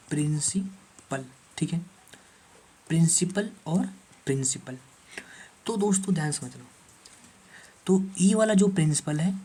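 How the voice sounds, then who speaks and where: A male teacher lectures on vocabulary for exam preparation, going back over each word several times. His voice is mellow and a little husky. He keeps checking in with the class through rhetorical questions. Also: a little high. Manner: repeats words and asks the class rhetorical questions. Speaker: English teacher for exam prep.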